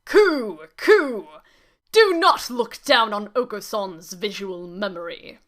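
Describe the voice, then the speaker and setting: A woman voicing a boisterous male pigeon track captain who coos and talks loudly and bossily, like an old man. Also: mid-range voice, animated, takes it slowly. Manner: loud, cooing, bossy, old-man speech.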